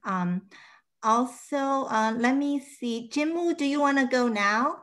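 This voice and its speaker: A woman's voice: sits high, slow pace, fairly bright tone. A woman moderating a panel, thanking guests and handing over the turn.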